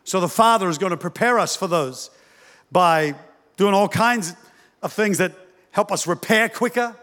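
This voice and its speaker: High-voiced male pastor in a reverberant hall. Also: moderate pace. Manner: animated, acts out voices with humor. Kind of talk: sermon. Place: church hall.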